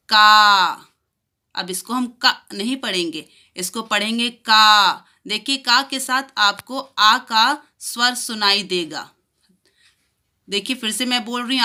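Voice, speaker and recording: Slow, bright-voiced woman teaching children. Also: fairly high pitch. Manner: slow, stretches out sounds for children to repeat. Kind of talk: primary school lesson.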